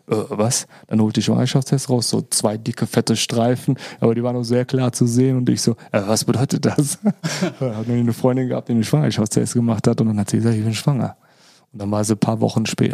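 A man's voice: medium pitch, gravelly, warm tone, dry recording, studio quality. A man tells a personal story as a podcast guest, informal, with many fillers and acted-out quoted dialogue.

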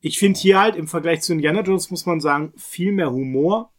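A man's voice: a little high, fairly quick. A middle-aged man co-hosting a podcast, chatting casually and emphatically about films with slangy enthusiasm. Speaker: podcast co-host.

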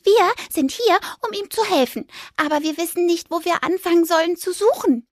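A woman doing a squeaky timid little mouse. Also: moderate pace, no room sound, studio quality. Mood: gentle, eager. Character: shy little mouse, gentle and eager.

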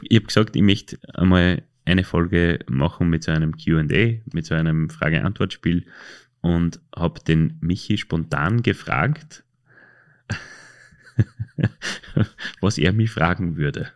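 Speaking slowly with long pauses in a low voice, an Austrian man hosts a podcast. His casual anecdotes come out hesitant and colloquial, and he often corrects himself along the way.

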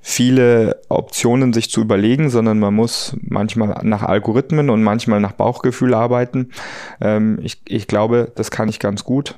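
A man in his thirties, born in the United States, talking casually as a podcast co-host, relaxed and easygoing, with frequent fillers. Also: on the low side, no echo, studio quality. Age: 30s. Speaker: podcast co-host, trauma surgeon.

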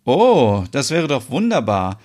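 A man playing a playful, enthusiastic young flatmate in a podcast soap opera. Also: medium pitch, a little slow, pitched above the performer's own voice.

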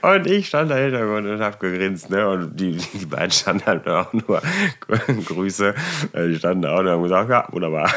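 A man tells a story in relaxed conversation. He sounds exasperated and animated, stumbles over restarts and keeps tagging his sentences with quick checks. His delivery is casual and chatty. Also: deep voice.

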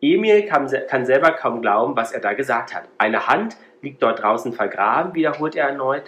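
A man's voice: medium pitch, animated, fairly quick, a bit bright. A man in a casual podcast reading a short spooky story aloud, raising his voice for the children's lines. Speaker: podcast host.

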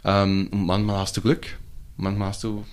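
A man with a Swiss German accent, a comic shop owner talking casually as a podcast guest, animated and full of fillers and restarts. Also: lowish voice, normal speed. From Switzerland.

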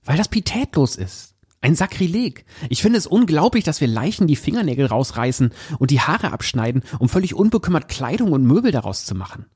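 A man's voice: fairly high pitch, sing-song, brisk, a little mellow, husky, pitched above the performer's own voice. A man reading aloud the lines of a stubborn young man who speaks curtly and with disgust to his fiancée. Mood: outraged. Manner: curt and scornful.

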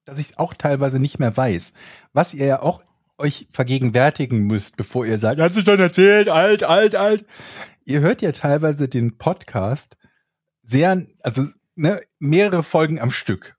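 Husky, teasing podcast co-host man. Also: medium pitch, unhurried, darkish tone, dry recording, clean studio sound. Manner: teasing, wordy, argues in long sentences. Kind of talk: casual chat.

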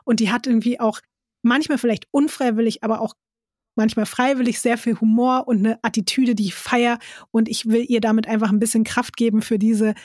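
A woman co-hosting a podcast in casual chat, expressive and fond of acting out what others said. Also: a little high, fairly quick, no echo, clean studio sound. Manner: expressive, acts out quotes in put-on voices. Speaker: podcast co-host.

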